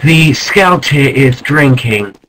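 A man narrates in the hushed, mock-serious manner of a wildlife documentary, deadpan and unhurried. His pitch sits in an ordinary middle range, and he breaks into startled exclamations now and then. Faint background noise runs beneath his voice. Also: poor audio. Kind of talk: mock nature-documentary narration over gameplay.

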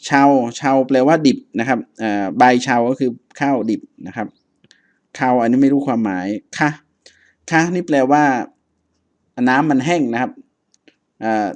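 A man teaching a reading lesson, reading items aloud one by one and then explaining each in a patient, relaxed way, with frequent polite particles. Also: mid-range voice, normal speed, long pauses. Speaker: language teacher.

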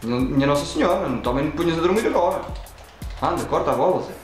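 A man with a European Portuguese accent, playing a football video game and reacting loudly to each play as he talks at it. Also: a little high, very fast, echoey room, faint music behind, poor audio. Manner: excitable, talks at the game and the referee, frequent exclamations. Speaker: gaming channel host.

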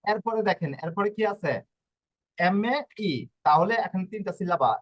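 A man's voice: sits high, moderate pace. Guy teaching spelling in a class, keeps asking okay?, muffled lo-fi audio. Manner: patient, repeats points and checks in with "okay?". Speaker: Italian language teacher. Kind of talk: live online class in Bengali. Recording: dull lo-fi audio.

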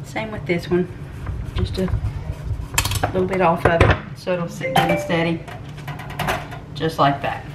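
A woman's voice: lowish voice, flat delivery, measured pace, pauses often, loud music behind the voice. An older woman, chatting homily as she walks through a recipe in her home kitchen. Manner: homey, chatty, with soft laughs and fillers. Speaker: home cooking channel host. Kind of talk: casual cooking demonstration. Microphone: camera mic across the kitchen. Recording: distant camera mic with background noise.

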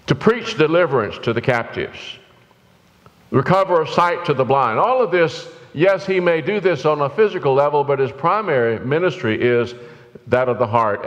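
An older man preaching a sermon from a church pulpit, earnest and rising to urgent exhortation. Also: medium pitch. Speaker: pastor. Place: church sanctuary, indoors, at the pulpit. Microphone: pulpit mic from a far camera. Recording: roomy hall reverb, dull lo-fi sound.

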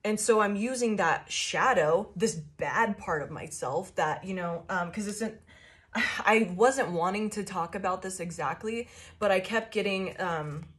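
In a small room, a young woman gives a casual tarot reading to her phone camera, her mid-range voice loud and carrying. She speaks unhurriedly but shakily, rambling and profane, full of fillers.

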